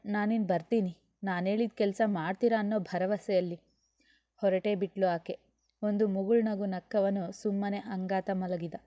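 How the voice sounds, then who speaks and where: A woman reads a serialized novel in an even storytelling manner. Her voice is mellow. The recording sounds dry and slightly dull. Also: mid-range voice, dry recording. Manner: steady storytelling that voices every character. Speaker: audiobook narrator. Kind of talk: scripted novel narration.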